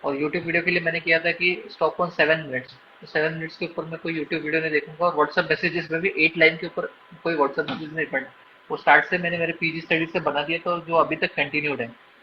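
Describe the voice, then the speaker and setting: A young man with a somewhat high voice answers interview questions as a guest doctor. He explains things steadily, slips English phrases into his speech and stops on fillers while he thinks. The recording is muffled and lo-fi, with a faint hiss underneath. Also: level tone, brisk.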